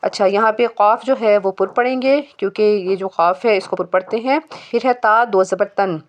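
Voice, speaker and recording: Woman, recitation teacher, spells letters, recites phrases slowly, mid-pitched voice. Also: dull audio. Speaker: Quran tajweed teacher. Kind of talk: step-by-step recitation lesson.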